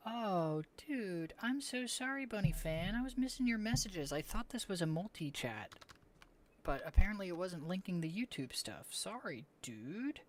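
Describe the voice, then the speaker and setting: During a casual livestream, a streamer chats while playing a game, cooing at animals and now and then dropping into a hushed whisper. The voice is mid-pitched with big swings at a normal speed, over a slight hiss or hum and faint keyboard and mouse clicks.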